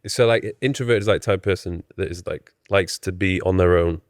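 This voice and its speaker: A man's voice: low-pitched, fairly quick, no room sound, studio quality. A man hosting a podcast in casual interview chat, teasing and jokey, often laughing. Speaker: podcast host.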